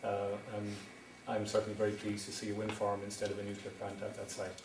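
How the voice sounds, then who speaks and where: In a low, completely flat voice and at a quick pace, a middle-aged man from County Wexford, Ireland, presents at a town meeting as a wind energy developer. He keeps hesitating, with ums and restarts throughout. The echoey hall is captured from a distance amid background noise.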